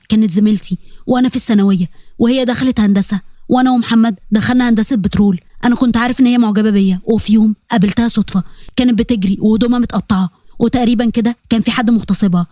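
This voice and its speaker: A woman's voice: fairly high pitch, steady tone, racing, no room sound, clean studio sound, lightly acted. A woman voicing a remorseful young man. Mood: pleading. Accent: Egyptian Arabic. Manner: soft, earnest, confessional.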